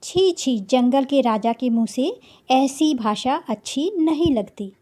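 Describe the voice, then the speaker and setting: A woman's voice: high voice, lively intonation, slow pace, warm tone, heavily acted. A woman doing a cheeky boastful fly. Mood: scolding. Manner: scolding, mocking, then daring.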